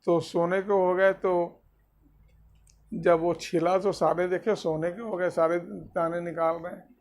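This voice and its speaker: Unhurried guy telling kids a story on a video call, keeps asking them questions. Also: sits high, level tone, a little mellow. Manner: quizzes listeners mid-story; mixes simple English with Hindi. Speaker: storyteller teaching children. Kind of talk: spiritual story told to children.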